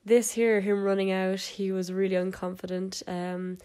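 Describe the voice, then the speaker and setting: Stuffed up and nasal with a cold, a young adult equestrian vlogger casually narrates her horse videos, chatting with fillers and small laughs. Her voice is medium-pitched, warm and smooth, with little pitch movement and a moderate pace.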